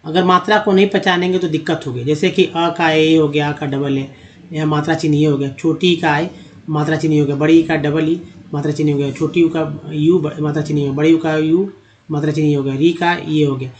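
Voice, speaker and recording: A man's voice: a little high, steady tone, fairly quick. A man teaching, spelling names letter by letter, repeating each word and addressing viewers as friends. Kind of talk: explaining Hindi-to-English spelling on a board.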